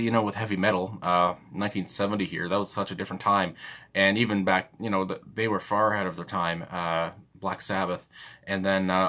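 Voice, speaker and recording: A man's voice: low voice, pushed and bright. A young man hosting a music reaction, talking in a hesitant, rambling way with many fillers and restarts. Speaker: music reaction channel host. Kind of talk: casual unscripted commentary.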